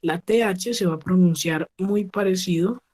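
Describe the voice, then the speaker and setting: A woman's voice: fairly low pitch, moderate pace, darkish tone. Patient woman teaching on a video call. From Colombia. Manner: patient, checks understanding with frequent "¿sí?". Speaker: English teacher. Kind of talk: online class explaining pronunciation.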